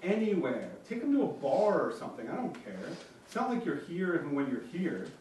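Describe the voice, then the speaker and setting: A man's voice: high voice, big pitch swings, a little fast, warm tone, a little hiss or hum, pitched above the performer's own voice. A man reading the lines of a frustrated wife in a whispery, strained voice. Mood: pleading. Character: frustrated wife pleading with her husband. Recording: very echoey room, mic far off.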